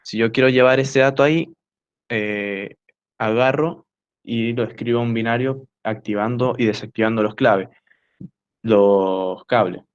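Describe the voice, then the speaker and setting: A young man giving a hesitant student class presentation, filling pauses with "eh" while pointing things out on a diagram. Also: mid-range voice, clean tone. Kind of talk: class presentation explaining computer hardware. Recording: dull lo-fi recording.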